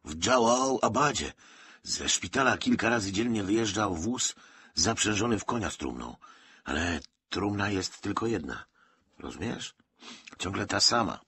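A man's voice: lowish voice, lively intonation, moderate pace, sharp tone, husky, heavily acted. A man voicing a feverish, frightened young soldier in an audiobook who talks in a breathless, urgent whisper.

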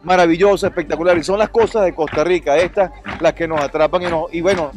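A man chats enthusiastically at an outdoor event, speaking quickly in a high voice. Clear music plays behind him. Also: fairly even intonation. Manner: enthusiastic, warm and effusive. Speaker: interviewed actor. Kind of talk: casual interview.

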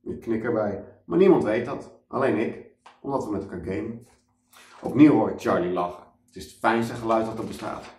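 A man, a children's author, reading a children's story aloud as a lively storyteller. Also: on the low side, normal speed. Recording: echoey room, mic at a distance.

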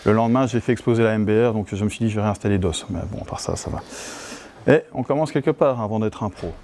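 A man's voice: fairly low pitch, quick pace, darkish tone, a little hiss or hum. A middle-aged Belgian man with a Belgian French accent giving a conference talk, chatty and self-mocking. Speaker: conference speaker. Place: conference hall.

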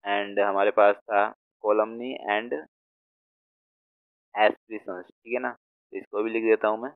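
A man with a low, flat voice explains word meanings in a slow teaching manner, repeating each word as he writes it down. The sound is thin and phone-like, with a dry, close feel and clean diction. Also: smooth, no room sound. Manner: slow, repeats words while writing them out. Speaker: vocabulary teacher.

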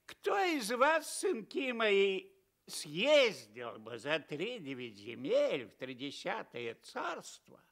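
High, swooping old tsar. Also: male voice, huge pitch swings, vocal fry, fairly bright tone, heavily acted. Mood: fond, pleading. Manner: theatrical, drawn-out, swooping delivery. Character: aged, half-blind fairy-tale tsar, fond pleading father. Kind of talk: Russian fairy tale dramatisation.

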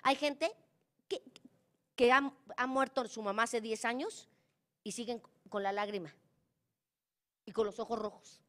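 A woman's voice: fairly high pitch, fairly even intonation, a little slow, pauses often, fairly bright tone. A middle-aged woman with a Mexican accent gives a motivational conference talk. She speaks colloquially and teases the audience, addressing them directly.

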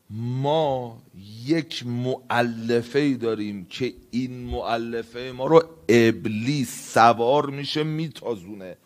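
A man preaching a sermon, telling a story with acted dialogue and swinging from hushed tones to loud outbursts. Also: mid-range voice. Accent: Iranian Persian.

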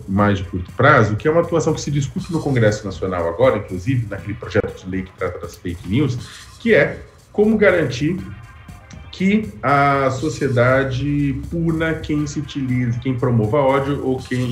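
A man's voice: mid-range voice, expressive, moderate pace, soft background music. Hesitant man on an echoey video call. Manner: hesitant, restarts often, rising emphasis. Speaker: interview guest. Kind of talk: explanatory interview answers. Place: home room with framed pictures on wall. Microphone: webcam video call.

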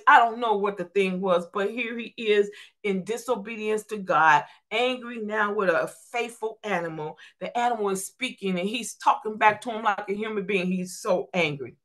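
A woman's voice: medium pitch, a bit bright. A woman preaching a church sermon, reading scripture aloud, explaining it in plain folksy talk and calling out to the congregation. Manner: calls out to the congregation; informal, folksy phrasing.

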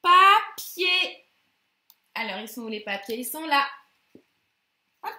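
A woman teacher giving a slow, emphatic phonics lesson to young children, stretching out each syllable. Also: a little high, lively intonation, sharp tone, roomy sound.

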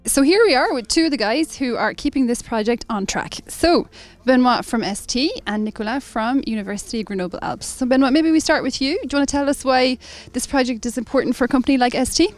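A woman's voice: high-pitched, fast talker, few pauses. Woman interviewer with a handheld mic. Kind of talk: on-location interview. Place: large plastic greenhouse.

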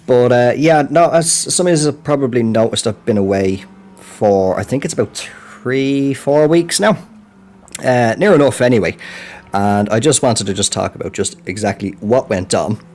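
A man's voice: medium pitch, expressive, normal speed, darkish tone. An Irish man giving a casual personal update as a gaming channel host, rambling and colloquial in a self-deprecating way.

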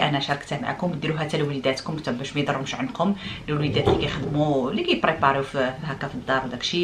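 A middle-aged woman with a Moroccan accent talks to her viewers in a casual, chatty vlog. She rattles along at a very quick pace in a somewhat low voice, explaining and demonstrating as she goes, dropping French words in. A faint hum of noise sits behind her. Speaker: vlogger.

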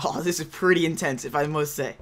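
A man's voice: on the high side, fast talker. A young man chatting casually over a game as a hyped gamer bro, joking and teasing his friends. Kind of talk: casual gameplay chat. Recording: noisy mic with keyboard clicks.

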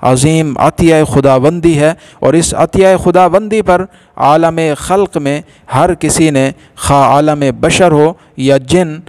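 A man narrating a religious story in a measured, formal storytelling manner. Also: a little high, darkish tone, smooth, dry recording.

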